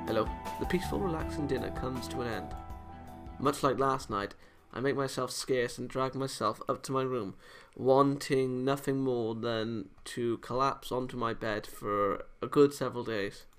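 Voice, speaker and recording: With the game's background music running, a man reads a visual novel aloud for a let's play in a mid-range voice at an ordinary pace. He interrupts himself with casual, joking, teasing remarks about what's happening in the story.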